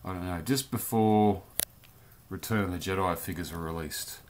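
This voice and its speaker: Low-voiced man chatting about toys. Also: moderate pace, a little hiss or hum. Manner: chatty, rambling, loose slang. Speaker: toy collector vlogger. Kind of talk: casual toy review vlog. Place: home beer cellar, dim.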